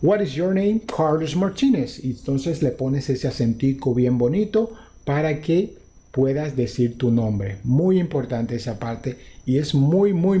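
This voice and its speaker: A Latin American man teaching English in a relaxed, unhurried way. His voice is dark and mellow, and he lifts his pitch when he repeats the example phrases. He explains things patiently and goes over the same line more than once. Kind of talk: casual spoken lesson.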